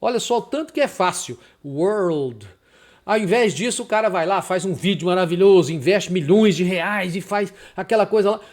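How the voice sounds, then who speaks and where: A man from Brazil giving a casual video lesson on English pronunciation, chatty and repeating example words slowly with emphasis. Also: high voice. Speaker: English teacher.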